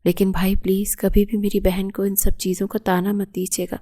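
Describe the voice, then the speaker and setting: An outspoken young woman defends her sister, voiced by a woman reading the novel. The tone is mellow and the pitch stays even. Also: natural voice. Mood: earnest.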